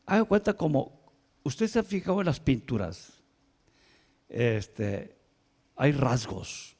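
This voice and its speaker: A male pastor preaching a sermon in a lively way, moving between soft asides and loud emphatic passages and often checking in with the congregation. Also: mid-range voice, vocal fry. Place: church sanctuary. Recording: long reverb of a church hall.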